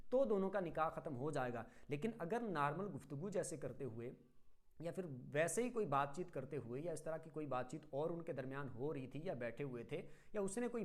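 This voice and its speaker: A man from Pakistan giving a religious lesson as an Islamic teacher, firm and methodical, running through example phrases one after another. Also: a little high. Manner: firm, instructive.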